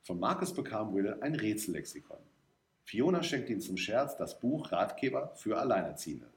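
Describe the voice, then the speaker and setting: A man reading a story aloud as narrator, in a lively, expressive way. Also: fairly low pitch, normal speed. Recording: roomy echo.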